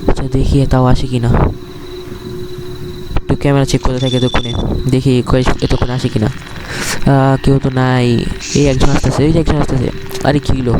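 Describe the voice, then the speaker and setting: A man with a Bangladeshi accent does casual horror game commentary for his viewers, playing the part of a scared, jittery streamer who reacts and asks questions as he goes. His voice is medium-pitched and level in tone, he talks a little fast, and there is heavy background noise.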